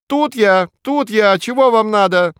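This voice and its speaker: A small, sly trickster rabbit, voiced by a man in a storybook tale, his voice leaping well above the narrator's own. He calls out bright and cheerful and spins fibs with a lively, bouncing pitch in a close, dry sound. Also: moderate pace, no room sound. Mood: shouting cheerily. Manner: high, bright calling, sly lying.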